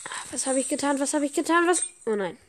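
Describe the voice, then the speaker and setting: Excitable high-voiced woman commenting on a game. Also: fast talker, slight background noise. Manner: excitable, chatty, frequent slang exclamations. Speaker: gaming podcaster. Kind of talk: casual gameplay commentary.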